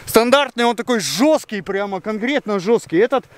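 A man's voice: high-pitched, expressive, moderate pace. Chatty man vlogging in the snow. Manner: chatty, explaining hands-on. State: hot and sweaty. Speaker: snowmobile vlogger and instructor. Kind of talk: casual outdoor vlog commentary. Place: outdoors in snowy mountains. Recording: outdoor wind and engine noise.

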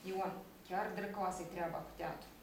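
A woman's voice: on the low side, fairly even intonation, gravelly, a little hiss or hum, voice pushed down. Ion, a young shepherd full of eager schemes, pleads and plots in a wheedling tone, as a woman reads him from her script. She sounds distant, in a strongly echoing room. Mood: weary.

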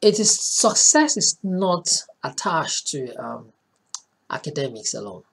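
A woman's voice: low voice, sing-song, slow, breathy edge. A woman in her thirties, an art teacher hosting her own show, speaking earnestly and encouragingly, often repeating herself. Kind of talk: casual talk to camera.

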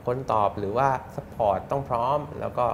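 A man's voice: medium pitch, creaky, slight background noise. A man in his thirties, a business guest in a studio interview, explaining at length and acting out what customers say, on a lapel mic. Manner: fast, explanatory, acts out customer quotes. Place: bright TV studio set.

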